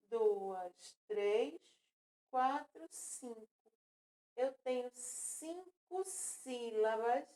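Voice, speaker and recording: A woman teaching a children's lesson, patiently repeating words and counting syllables aloud. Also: high-pitched. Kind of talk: recorded classroom lesson for children.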